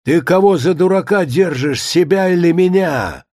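A man's voice: sits high, moderate pace, a little mellow, dry recording, clean studio sound, pitched above the performer's own voice, natural voice. A man voicing a pompous, boozy older Soviet official who hectors and scorns his visitor in a long tirade. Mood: furious.

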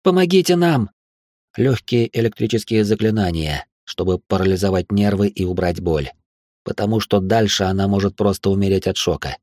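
Low male voice reading an audiobook, steady, dry close mic. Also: fairly quick, dry recording. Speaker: audiobook narrator. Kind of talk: first-person audiobook narration.

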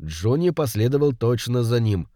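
Man narrating an audiobook, lively pitch. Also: normal speed, dry recording, clean studio sound. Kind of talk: scripted narration of a detective story.

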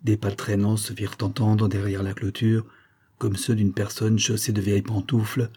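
A man with a low, dark, husky voice narrates a classic short story from a script, in a measured audiobook style.

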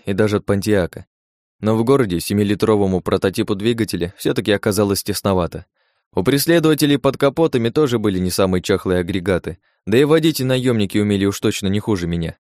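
Male audiobook narrator, low voice, dry close recording, steady first-person reading. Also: no echo.

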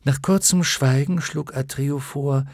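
A man with a medium-pitched voice narrates a scripted children's fantasy audiobook, measured and expressive. The studio-quality recording has no room sound.

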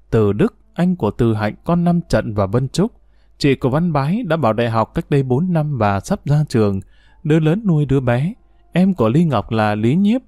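A man's voice: mid-range voice, darkish tone, no echo. Man reading a story, dry close sound. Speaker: narrator.

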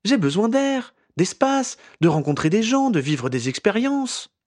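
A man's voice: high-pitched, sing-song, unhurried, darkish tone, voice pushed up. A man voicing a fiery, defiant young witch in a raised, passionate, insistent voice.

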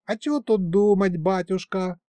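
A man's voice: sits high, fairly even intonation, unhurried, mellow, no echo, pitched above the performer's own voice. A man voicing a young female kikimora who chatters eagerly and boasts. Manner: rattling, eager.

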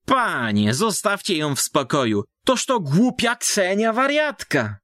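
A shrill, pious old countrywoman, high and scandalized, gossiping and scolding in a storybook reading, as a male narrator puts her on. Her voice is dry and close. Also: sing-song, unhurried, a bit bright, no room sound, exaggerated voice. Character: scolding old village woman.

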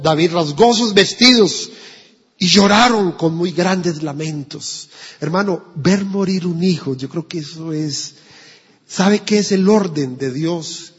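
A man's voice: on the high side, slightly rough. A man preaching an emphatic sermon in church, telling a story along the way. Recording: dull echoey church recording.

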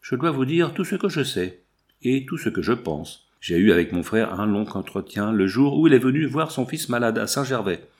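A man's voice: medium pitch, lively intonation, normal speed, natural voice. A man voicing a distressed middle-aged woman who earnestly pleads her case to a magistrate in an audiobook.

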